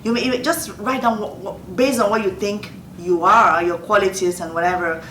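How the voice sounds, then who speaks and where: In this motivational Q&A talk, the host is a Nigerian woman in her fifties who offers earnest advice and repeats key phrases. Her medium-pitched voice is steady and fairly bright, at a normal speed, captured by a distant mic in a roomy room with faint noise.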